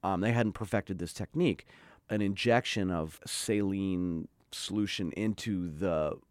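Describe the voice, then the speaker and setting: A middle-aged man, a guest in a laid-back interview, tells a story in a chatty way, using "like" a lot and mimicking what others said. He speaks a little slowly in a deep voice, on a dry recording.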